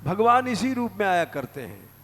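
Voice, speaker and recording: A man's voice: high voice, big pitch swings, moderate pace, fairly bright tone. An older man, preaching a devotional story earnestly in a temple hall. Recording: live hall reverb, faint ambience.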